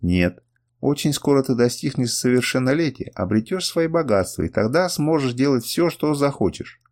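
Guy doing a scheming older merchant in an audiobook, soft coaxing talk, lively swings. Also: medium pitch, normal speed, close to an everyday voice. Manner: soothing, coaxing. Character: smooth, scheming older male merchant guardian.

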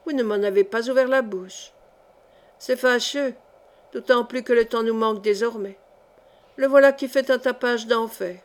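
A woman's voice: a little high, normal speed, close to an everyday voice. A woman voicing a vain, sceptical old male royal steward in an audiobook. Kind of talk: audiobook character reading.

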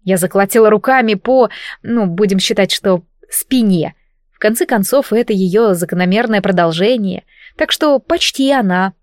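A woman narrating a first-person audiobook with wry, lively storytelling. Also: mid-range voice, moderate pace, no room sound, studio quality.

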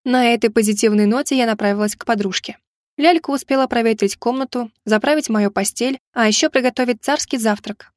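A woman narrates a first-person audiobook in an even, measured voice. Her voice sits fairly high, and the recording is dry and close, with no room sound. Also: dry recording.

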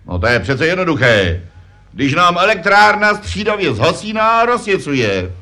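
A blustering, self-important puppet dad who lectures and keeps tacking on "že jo". The voice sits a little high for a man and has a bright, forceful edge. It comes from an old-time puppet comedy. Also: very animated, heavily acted. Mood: lecturing. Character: pompous blustering puppet father, know-it-all. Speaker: puppet performer. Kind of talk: vintage puppet comedy sketch.

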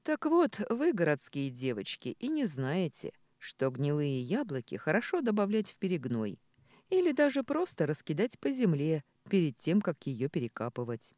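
A woman's voice: deep voice, wildly swooping pitch, moderate pace, no echo, clean studio sound. A woman voicing a jolly bearded village man. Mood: jovial teasing. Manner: laughing, loud.

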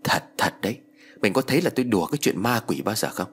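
A man's voice: on the low side, sing-song, fast talker, breathy edge, exaggerated voice. A man voicing a frightened middle-aged village man who stammers and pleads in an audio story. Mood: shaken.

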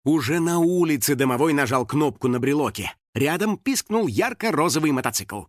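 A man narrating a children's audiobook in an expressive, storytelling manner, recorded close to the microphone. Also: a little high, moderate pace, no echo.

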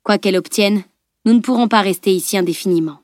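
A woman's voice: medium pitch, quick pace, a little mellow, no echo, natural voice. A woman reading a grave, practical warrior man. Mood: firm. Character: steady, grave male warrior, practical and firm.

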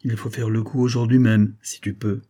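A man's voice: on the low side, flat delivery, moderate pace, warm tone, close to an everyday voice. A man voicing a scheming viscount who speaks in a falsely earnest, polished way. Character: scheming young male viscount, feigning devotion.

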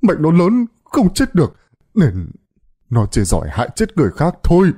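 A drunk and cruel middle-aged father spits out slurred, scornful rants at his own family, as a male narrator puts him on. The voice climbs well above the narrator's own and gets louder, with a strained, changed timbre. This is a spoken storybook figure. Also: a little high, wildly swooping pitch, moderate pace, slightly rough, voice pushed up, full character voice. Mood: drunken ranting.

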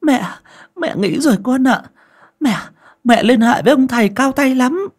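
A man voicing a tearful, scheming old grandmother in an audiobook, with a high wailing falsetto and a whining, sobbing way of talking. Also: expressive, moderate pace, heavily acted. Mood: tearful pleading. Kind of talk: audiobook character voice.

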